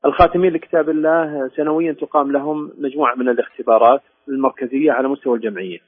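A man's voice: mid-range voice, steady tone, rapid-fire, slightly rough, dry recording. A man speaking formally and courteously as an interview guest, over a tinny phone line. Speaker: interview guest, education department director.

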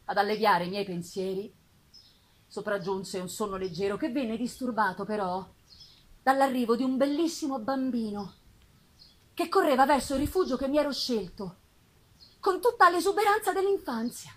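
A woman giving a theatrical, intense literary reading as a lonely, embittered male monster, with deliberate pauses and swells. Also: fairly high pitch, natural voice. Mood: anguished, desolate. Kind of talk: dramatic literary reading of a gothic novel. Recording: live festival reading with clear noise.

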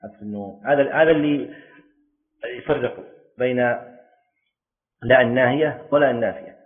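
A man's voice: medium pitch, steady tone, moderate pace. A man teaching a classroom lesson, explaining step by step, quizzing his students and repeating key words for emphasis. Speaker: teacher of Islamic jurisprudence. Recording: tinny lo-fi lesson recording.

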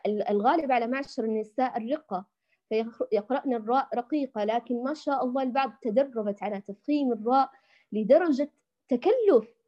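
A woman teaching Quran recitation to women, patiently demonstrating letter sounds and tenderly addressing her listeners as dear ones. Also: a little high. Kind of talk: tajweed lesson for women. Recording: dull lo-fi recording.

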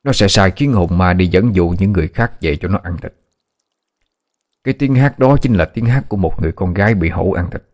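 A man voicing a seasoned forest guide who explains dangers in a steady, matter-of-fact way, in a told ghost story. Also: sits low, brisk, close to an everyday voice. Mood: explaining.

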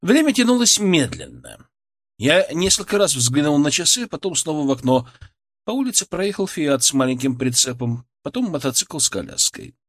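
A man narrating a first-person story, reading it as an audiobook with lively, varied intonation. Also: on the high side, moderate pace.

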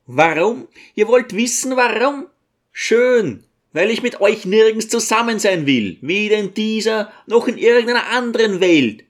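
A man reading an audiobook and voicing a surly, irritable grown son who is a teacher, in a gruff tone. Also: fairly high pitch, sing-song, unhurried, few pauses, pitched above the performer's own voice. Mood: angry. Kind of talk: audiobook character voice.

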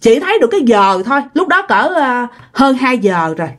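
A woman's voice: high-pitched, big pitch swings, brisk. A woman with a Southern Vietnamese accent telling a ghost story in a chatty way, talking straight to her listeners. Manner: chatty, addresses listeners directly, many fillers. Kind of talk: casual ghost-story narration.

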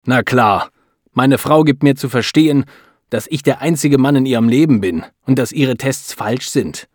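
A man playing a furious, jealous husband who shouts bitterly and sarcastically. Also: medium pitch, normal speed, no echo, studio quality, voice pushed up, lightly acted.

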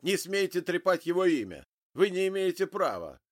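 A man's voice: sits high, sing-song, moderate pace, no echo, clean studio sound, pitched above the performer's own voice. A man doing a furious drunk grieving father. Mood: enraged. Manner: shouting, raging.

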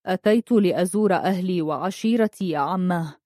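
A woman's voice: fairly low pitch, brisk, mellow, dry recording, clean studio sound, natural voice. A woman reading as a defiant blind young man. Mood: firm, defiant.

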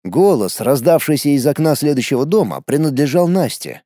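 A man reads a first-person adventure audiobook in a lively, animated way, his pitch moving a lot. His tone is dark and mellow, somewhat higher than most men's. The close recording is dry, with no room sound. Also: normal speed, no echo. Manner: lively storytelling with shouted character lines. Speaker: audiobook narrator.

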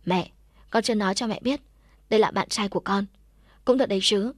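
A woman's voice: medium pitch, a little fast, no room sound, clean studio sound, close to an everyday voice. A woman voicing a distraught young woman who pleads through tears. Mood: forced cheer.

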